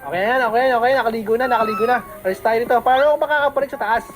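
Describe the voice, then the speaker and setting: A woman's voice: fairly high pitch, very fast, very noisy. Playful Filipino woman gaming host. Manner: playful, chatty, switching between Tagalog and English. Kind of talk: casual game commentary. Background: game music.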